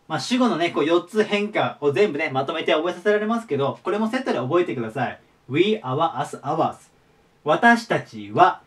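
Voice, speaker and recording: A man giving a casual vocabulary lesson, friendly and polite, repeating each word slowly and clearly. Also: a little high. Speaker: English teacher. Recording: voice a bit far from the mic.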